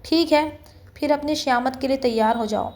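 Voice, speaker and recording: A woman's voice: sits high, a little mellow, close to an everyday voice. A woman voicing a fiery young woman coworker who snaps back with scolding, threatening retorts. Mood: scornful.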